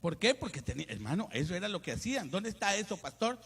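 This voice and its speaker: A man, a pastor, preaching a lively sermon full of jokes and asides, calling his listeners brother. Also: high-pitched, fast, creaky, husky. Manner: animated, joking, addresses listeners as brother. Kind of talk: lively Spanish sermon with humor. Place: church hall. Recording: long church reverb.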